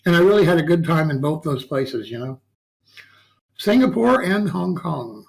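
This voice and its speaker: A man's voice: a little high, animated, moderate pace, gravelly, poor audio. A man hosting a casual online interview, folksy and chatty, often tagging his sentences with "okay?" and "yeah". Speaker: talk show host.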